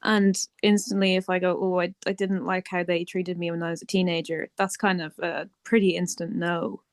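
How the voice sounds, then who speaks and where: A woman's voice: fairly low pitch, flat delivery, moderate pace, dry recording. Chatty Irish woman in a dry recording. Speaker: band member being interviewed. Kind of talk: casual interview chat.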